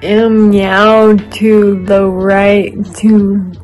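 A woman vlogging casually to camera, talking in halting, rambling bits with many restarts. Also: medium pitch, level tone, darkish tone, faint music behind, poor audio. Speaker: vlogger documenting her recovery.

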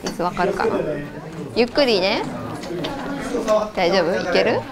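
Female staff member, gentle and hesitant, heard over audible crowd noise. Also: medium pitch, animated, a little slow. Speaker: workshop staff. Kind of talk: giving instructions.

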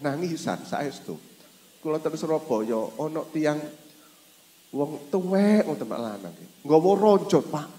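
A middle-aged man with an East Javanese accent preaching a sermon, telling stories animatedly with sudden loud exclamations. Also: fairly high pitch, animated, unhurried. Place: mosque hall. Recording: roomy hall reverb.

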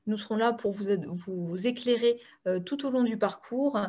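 A woman's voice: on the high side, normal speed, darkish tone. A woman giving an explanatory presentation remotely over a call connection. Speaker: remote conference speaker.

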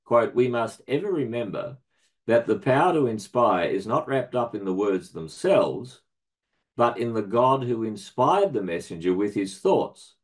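A middle-aged man reading a prepared academic paper aloud in a measured, formal way, marking each citation with quote and end quote. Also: on the low side. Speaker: research centre director presenting a paper.

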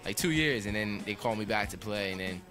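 A man's voice: lowish voice, lively intonation, quick pace, music in the background. A young man co-hosting a podcast, telling stories in a slangy, laid-back way. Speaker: podcast co-host. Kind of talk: casual chat.

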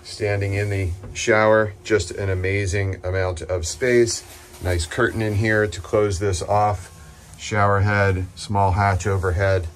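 With a lowish voice, a level tone, and a slightly slow delivery, a middle-aged yacht broker shows viewers around a sailboat. It's a casual, enthusiastic walkthrough full of fillers, set outdoors and in the cabin at a dockside boat show. The footage comes from a handheld phone camera.

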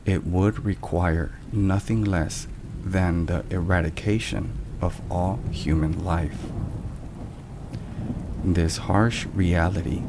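Steady rain and thunderstorm sounds fill the background as a man delivers scripted devotional ASMR narration. He speaks slowly, low and hushed, keeping a measured, solemn tone.

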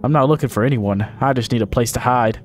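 A man's voice: medium pitch, fast talker, soft background music, natural voice. Male streamer voicing a nervous evicted neighbor, plain and worried. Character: displaced nervous neighbor looking for shelter.

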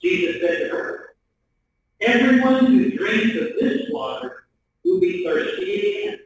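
Middle-aged priest preaching slow, high lively voice, echoey church picked up from far off. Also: male voice, noisy background. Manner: measured, deliberate delivery from a pulpit. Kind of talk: gospel reading and sermon. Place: church sanctuary, at a lectern. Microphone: stand mic, camera from across the room.

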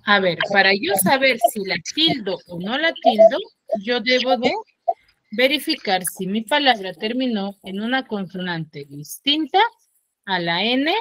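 A woman's voice: fairly high pitch, lively intonation, unhurried, fairly bright tone, dry recording. A woman teaching an online class on a video call, drilling students with repeated questions.

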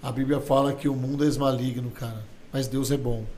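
A podcast host with a Brazilian Portuguese accent talks emphatically and opinionatedly on a casual show, slipping into sermon-like asides. His medium-pitched voice is warm, level, and fairly quick, in an echoey room with a faint hum behind.

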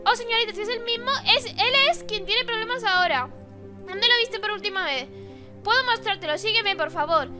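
A woman's voice: very high voice, fairly quick, over music. A woman voicing a courteous, fawning male rat in a horror adventure game, speaking with overly formal politeness. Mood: polite.

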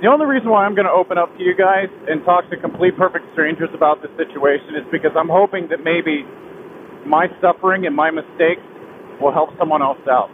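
A young male motovlogger rides a motorcycle down a highway, making a personal confession through his helmet mic. His words come haltingly and heavy-hearted, restarting again and again, while the tinny mic picks up wind and road noise.

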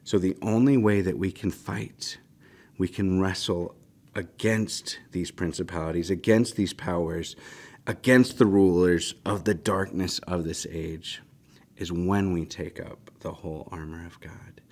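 A man's voice: sits low, steady tone, unhurried, a little mellow. A man in his thirties giving an earnest devotional Bible teaching at a desk mic in a small studio, often checking in with "right?". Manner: earnest, emphatic, frequent "right?" asides. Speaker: pastor. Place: small church studio, indoors. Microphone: desk mic on a stand.

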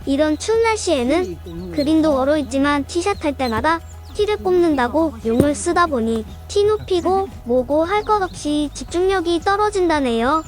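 As narrator of an amateur golf vlog, a woman with a high voice reads scripted commentary in a polite, formal register. Speaking animatedly at normal speed, she reports the round shot by shot in a voice-over while music plays faintly behind her.

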